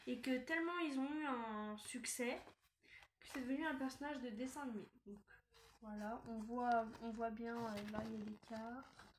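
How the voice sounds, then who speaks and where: A woman's voice: fairly high pitch, fairly even intonation, normal speed. A woman chatting casually through a review of a collectible doll magazine, hesitant with many fillers and restarts. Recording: echoey room, faint noise.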